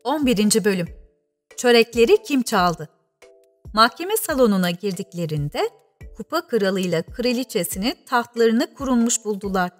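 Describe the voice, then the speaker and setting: Audiobook narrator, woman, fairly high voice, steady reading, soft music underneath. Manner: measured, storytelling reading. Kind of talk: scripted narration.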